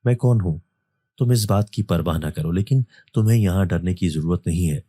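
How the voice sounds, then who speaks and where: A man voicing a mysterious young male jinn with a heavy, gentle, soothing voice. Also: low voice, breathy edge, no room sound, studio quality. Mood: reassuring.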